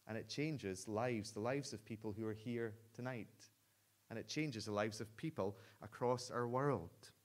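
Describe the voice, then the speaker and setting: A man preaching a sermon, telling a story earnestly and dropping to a hush at the solemn points. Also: lowish voice. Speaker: pastor.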